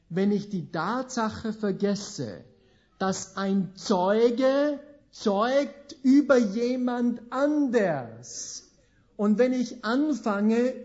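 A middle-aged man delivers a sermon in a slow, deliberate cadence, lingering on the words he wants to land. His voice is mellow and dark, and he keeps turning to the listeners with rhetorical questions. The recording sounds dull and lo-fi. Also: high-pitched. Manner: emphatic, swinging between slow stressed words and quick asides. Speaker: preacher.

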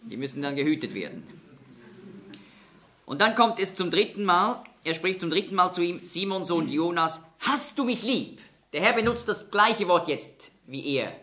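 Bright-voiced man teaching a sermon. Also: sits high, very animated. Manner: explanatory, measured, with slow emphatic quotes. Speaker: preacher.

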